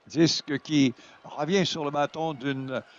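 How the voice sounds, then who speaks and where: A man with a Quebec French accent doing excited sports commentary as a play-by-play announcer, exclaiming over the action. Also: fairly high pitch, takes it slowly, dull audio. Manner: exclaims over plays, voice surging at shots and goals.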